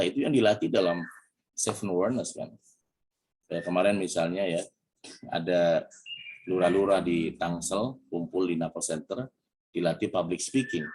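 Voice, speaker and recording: A man's voice: deep voice, a little mellow, a little hiss or hum. An Indonesian man giving a motivational religious talk as a coach, chatty and full of questions to his listeners, acting out tones of voice to make his points. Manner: chatty, peppers lines with "ya", asks the audience questions; acts out tones of voice to demonstrate intonation.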